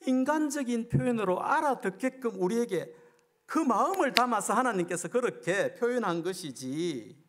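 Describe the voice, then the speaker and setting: A middle-aged man preaching a sermon at a revival meeting, emphatic and firing rhetorical questions at the congregation. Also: sits high.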